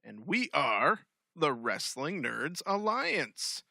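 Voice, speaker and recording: Podcast co-host: American man, slightly high, bright voice, casual, profane, joking banter. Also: very animated, takes it slowly, vocal fry, dry recording, studio quality. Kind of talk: casual comedic chat.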